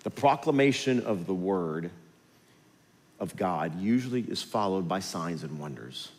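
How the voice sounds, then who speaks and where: A male pastor giving a sermon, telling the story with lively, animated delivery and acting out the characters. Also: low voice, measured pace. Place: large church hall. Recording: hall reverb with faint music.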